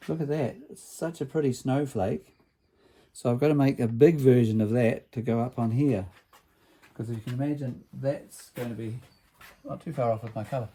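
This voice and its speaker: A man with a medium-pitched voice plays a builder in a workshop vlog aimed at children. His delivery is cheerful like a kids' party host, and he explains things plainly while tossing in tag questions to check on his audience.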